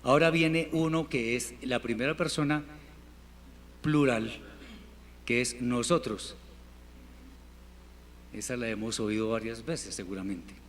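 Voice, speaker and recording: Slow, patient Spanish-speaking teacher in a hall. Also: male voice, mid-range voice, a bit bright. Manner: patient, repeats words slowly for students. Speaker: Hebrew teacher. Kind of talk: classroom language lesson. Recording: reverberant hall, faint room noise.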